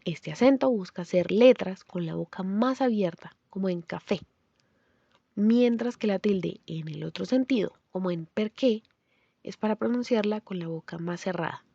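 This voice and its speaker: A woman giving a scripted pronunciation lesson, explaining clearly and saying example words slowly. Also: mid-range voice, warm tone, no room sound, dull audio. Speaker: language teacher.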